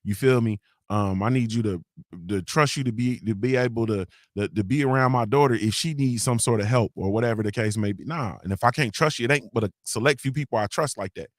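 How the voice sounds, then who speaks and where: Loose and profane, this morning-show host chats through live-stream comments in a mid-range voice at a slightly quick clip. His storytelling is full of slang and he can't stop saying "you feel me." It's a clean studio recording with no room sound.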